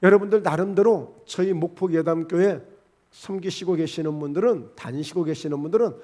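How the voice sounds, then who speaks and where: A male pastor preaching a midweek sermon in a church, talking plainly to the congregation with many rhetorical questions and quick shifts between loud, emphatic lines and soft asides. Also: on the high side. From South Korea. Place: church sanctuary.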